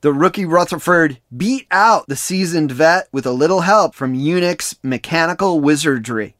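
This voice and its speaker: A man with a somewhat high voice narrates a sports history podcast from a prepared script. He speaks in a measured way. The recording is dry and close. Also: lively intonation, a bit bright, dry recording. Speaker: podcast host.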